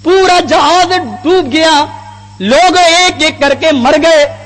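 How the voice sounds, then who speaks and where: A devout mother pours out her story in a pleading, urgent voice, as a preacher puts her on. The voice sits very high. Long hall reverb hangs behind it, with a faint trace of music. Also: a bit bright. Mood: indignant. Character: grieving devout mother, middle-aged woman.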